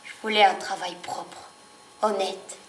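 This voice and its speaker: An actress performs a theatrical French stage monologue with sung passages as a wistful, fiery, worn-down laundress, telling her story dramatically and swinging from hushed to shouted. Her medium-pitched voice is fairly even in intonation, measured in pace, and near her natural one, heard from far off in an echoey room with faint noise.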